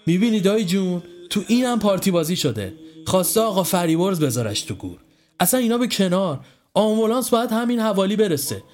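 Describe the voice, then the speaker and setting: A man's voice: high voice, expressive, a little mellow, voice pushed up. A man voicing an irritated, short-tempered grown son in a narrated horror story. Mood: exasperated. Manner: exasperated, snappy.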